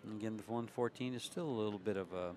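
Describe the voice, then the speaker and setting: A man calling a pool match in a measured, explanatory way, walking through each shot. His voice sits fairly low. He talks alongside a more excitable co-host. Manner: measured, explains shots in detail. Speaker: pool commentator. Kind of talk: live pool commentary.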